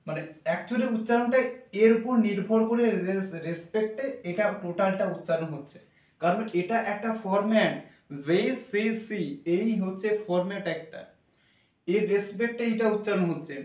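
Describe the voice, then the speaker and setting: A man with a high voice explains English pronunciation, slowly sounding out each letter and repeating himself patiently. He is heard from a distance in a roomy, echoing space. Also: a little mellow. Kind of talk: classroom explanation. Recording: echoey room from far off.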